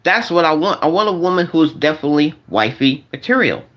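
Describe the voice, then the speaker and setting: A man's voice: a little high, lively intonation, a little fast, fairly bright tone. A man in his forties rambling to his viewers in a casual monologue, repeating phrases over and over and using slang. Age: 40s. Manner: repetitive, restarts and repeats phrases; slangy, addresses viewers as y'all. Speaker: vlogger.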